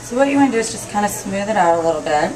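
Young woman, hair stylist, casual step-by-step explaining, mid-pitched voice, busy salon chatter behind. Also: lively intonation, very fast, low-quality recording. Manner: casual, step-by-step, talking while working on her own hair. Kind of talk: hairstyling tutorial.

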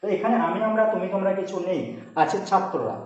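A man's voice: high-pitched, animated, a little mellow, muffled recording. A man teaching Sanskrit grammar to students, explaining rules step by step and often checking that they follow. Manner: quick, repeats rules and checks with "ঠিক আছে?". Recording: very echoey room.

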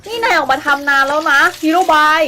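A woman's voice: sits high, animated, fast. A woman voicing a bossy, demanding young wife in a cartoon dub, impatient and ordering her husband around, over background music. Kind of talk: cartoon dubbing.

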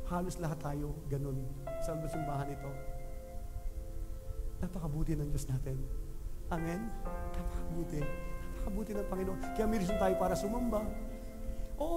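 A man with a strikingly high voice preaches an impassioned sermon, swinging from hushed lines to loud rising ones. His voice rings through a church hall with a long echo, and music plays clearly underneath. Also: lively intonation, moderate pace, long pauses. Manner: addresses the congregation often as beloved ones. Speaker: pastor. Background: music playing.

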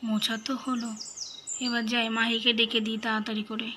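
Brief: busy scolding mother, woman's bright voice, quick nagging tone. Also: on the high side, completely flat delivery, slight background noise. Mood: busy, muttering. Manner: brisk, nagging, half-muttering to herself. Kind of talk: doll storybook narration.

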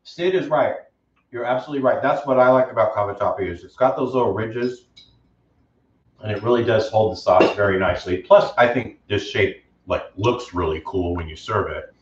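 A man's voice: fairly low pitch, normal speed. A man hosting a casual live-stream cooking show from home, chatty and enthusiastic, reading viewer comments aloud. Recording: roomy, distant, dull live-stream audio.

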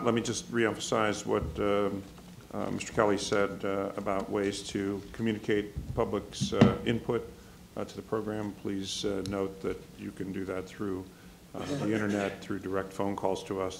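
A man chairing a public board meeting at a desk microphone in a large hall, speaking in a measured way with frequent fillers. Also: low voice, creaky, a little hiss or hum.

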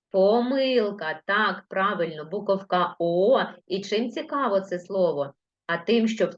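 A woman teaching primary school children in a live online lesson, patiently dictating words slowly letter by letter. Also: on the low side. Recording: lo-fi livestream audio.

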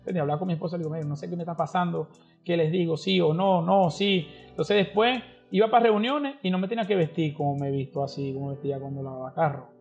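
A fast-talking man with a fairly high voice tells stories as a guest in a casual podcast interview. He's animated and slangy, acting out the people he quotes, and the audio is slightly dull with faint music behind it.

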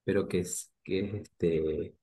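A man with a fairly low voice asks his teacher a question. He hesitates and fills the pauses as he works it out. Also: steady tone, warm tone, slightly rough. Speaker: student.

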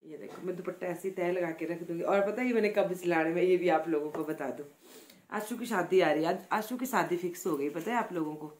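A woman from Himachal Pradesh talking softly and chattily in a casual vlog, showing gifts and praising them again and again. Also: fairly low pitch, fairly quick. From Himachal Pradesh, India. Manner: chatty and affectionate, repeats words of praise; speaks softly, close to the mic. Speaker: vlogger.

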